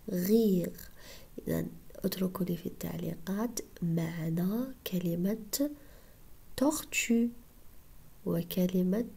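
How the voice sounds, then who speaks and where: A woman teaching French syllables to young pupils in a soft, breathy whisper, slow and patient, sounding out each syllable. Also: mid-range voice. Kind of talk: whispered online lesson.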